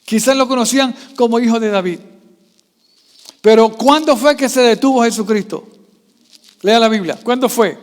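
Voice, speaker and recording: A male pastor preaching a sermon, quizzing the congregation with constant questions and swinging from soft asides to loud raised passages. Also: very high voice, normal speed, long pauses, long reverb tail. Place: church.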